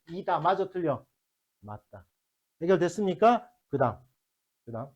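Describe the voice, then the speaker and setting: A warm, husky, medium-pitched voice comes through a muffled recording as a math teacher lectures a classroom. He breaks problems into steps, keeps checking that everyone follows, and pairs blunt casual remarks with polite endings.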